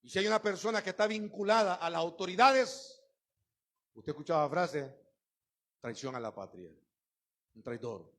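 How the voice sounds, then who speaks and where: A middle-aged man preaching a sermon, emphatic and swinging between loud outbursts and hushed asides. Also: high voice, expressive, normal speed, pauses often.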